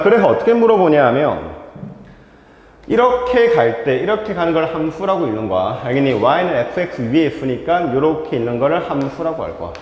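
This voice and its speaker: A male math teacher giving a whiteboard lecture to students, checking in with them constantly between steps. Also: medium pitch. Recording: echoey classroom with faint noise.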